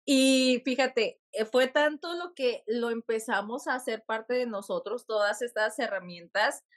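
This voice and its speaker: Animated woman telling a story. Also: a little high, a little slow. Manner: animated, laughs often while telling a story. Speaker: podcast guest. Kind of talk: casual storytelling conversation.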